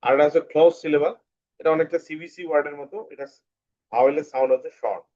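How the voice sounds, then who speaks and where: A man leads an English lesson, slow and patient, repeating each point and putting questions to his students. His voice sits a little high, and the audio is muffled and lo-fi, like an online class. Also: darkish tone. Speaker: English teacher.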